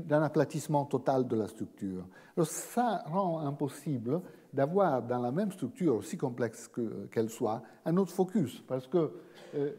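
A man's voice: mid-range voice, dark tone, breathy edge. Hesitant man lecturing in a hall. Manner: measured, frequent hesitations and restarts. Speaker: guest lecturer. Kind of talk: academic seminar lecture. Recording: long reverb of a lecture hall.

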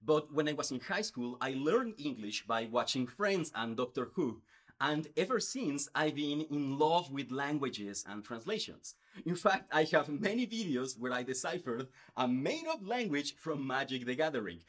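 Indoors against a space backdrop, a Mexican YouTuber in his thirties who speaks Spanish talks earnestly to the camera, hands moving constantly. He's animated throughout, with a fairly high-pitched voice at a moderate pace.

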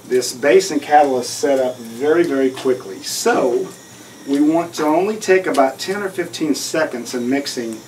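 A man's voice: mid-range voice, darkish tone, slight background noise, low-quality recording. A middle-aged man, a dentist giving a plain, step-by-step instructional demonstration. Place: small dental treatment room, indoors.

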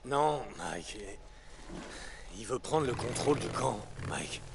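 An actor playing a gruff, weary and blunt biker drifter in a video game, muttering his lines. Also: medium pitch, lively intonation, takes it slowly, background noise. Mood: insistent. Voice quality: gravelly. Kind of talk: video game voice acting in a French dub.

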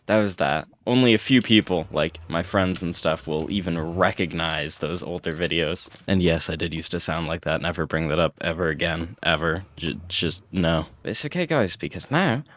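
Deep-voiced laid-back young man. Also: moderate pace, hardly any pauses, fairly bright tone. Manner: laid-back, rambling, self-deprecating. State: short on sleep. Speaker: gaming YouTuber. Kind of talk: casual gameplay commentary.

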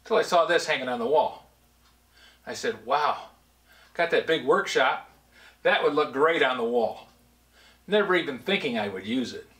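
An older woodworker gives a casual, folksy tour of his cluttered basement workshop, rambling through anecdotes with dry asides. His medium-pitched voice is animated and a bit bright at a normal pace with frequent pauses, and the room sounds echoey.

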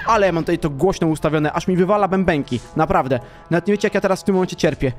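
A young man casually commenting on his gameplay, chatty and exasperated, sometimes yelling at the game, over a desk mic. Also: fairly high pitch, rapid-fire, faint music behind. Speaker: gaming YouTuber. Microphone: desk mic with in-ear headphones.

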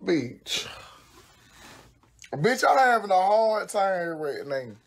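Doing her nails at home during a phone livestream, a woman who is a social media personality chats loosely and swears constantly. She speaks slowly in a low-leaning, sing-song voice, sounding brash, profane and full of exclamations.

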